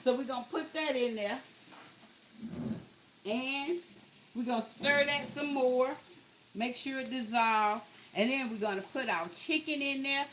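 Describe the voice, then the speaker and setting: Chatty woman, high voice, unhurried home-kitchen cooking vlog, light pan sizzle. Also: fairly bright tone, a little hiss or hum. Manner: chatty, talks to viewers as "y'all", exclaims over the food. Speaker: cooking vlogger. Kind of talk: casual cooking chat.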